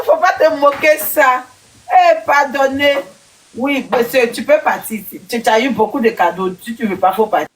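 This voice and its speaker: A woman on a live stream pleading with viewers for gifts, calling them by name. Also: high voice. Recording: faint background hiss.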